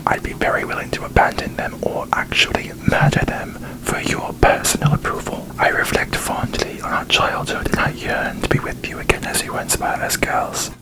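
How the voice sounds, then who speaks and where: Man whispering as prim queen Alicent Hightower. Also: moderate pace, few pauses, close to an everyday voice, poor audio. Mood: yearning, pleading. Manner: formal, pompous, archaic wording. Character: prim, needy, aggrieved medieval queen, a woman. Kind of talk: whispered ASMR parody.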